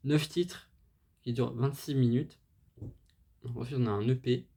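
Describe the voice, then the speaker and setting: A man's voice: medium pitch, fairly even intonation, measured pace, dark tone, husky. A man hosting a music channel, presenting a band's history casually, hesitant and full of fillers, apologizing as he stumbles over foreign names, enthusiastic about the music. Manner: hesitant, many fillers and restarts.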